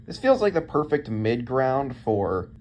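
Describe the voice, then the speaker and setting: A man's voice: medium pitch, sing-song, measured pace, dull audio. Man giving casual video commentary, noisy background. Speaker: video host. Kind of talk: casual scripted ranking commentary.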